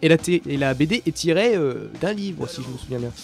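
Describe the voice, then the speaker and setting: Young male let's-player, slightly high voice, rambling commentary full of fillers, faint game music behind. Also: lively intonation, fairly quick, gravelly. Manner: rambling, loses his thread, many fillers. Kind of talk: casual gameplay commentary. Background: game sounds and music.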